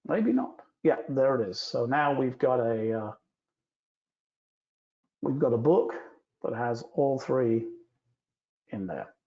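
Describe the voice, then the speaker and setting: A man explains software steps and answers questions on a live stream, at an average pitch. He talks in a relaxed, explanatory way with many fillers. The audio is a bit dull and lo-fi. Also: slow, pauses often. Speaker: guest instructor.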